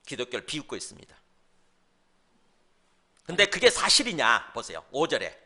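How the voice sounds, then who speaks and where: A man's voice: medium pitch, huge pitch swings, moderate pace, pushed and bright. A male pastor giving a sermon in a conversational way, asking rhetorical questions and briefly mimicking scoffers. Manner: mimics scoffers in mocking asides.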